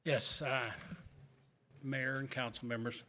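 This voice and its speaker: Resigned older man, bright voice. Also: medium pitch, level tone. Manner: resigned, halting with fillers. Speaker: public commenter. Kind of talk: public comment at a city council meeting. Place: city council meeting room.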